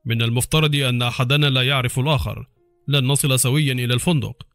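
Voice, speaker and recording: A man's voice: medium pitch, fairly even intonation, quick pace, fairly bright tone, no echo, faint music behind, natural voice. A man voicing a hardened male intelligence officer in an audiobook, speaking curtly and coolly. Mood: cold dry. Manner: curt, cool delivery. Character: hardened male spy, dry and cold.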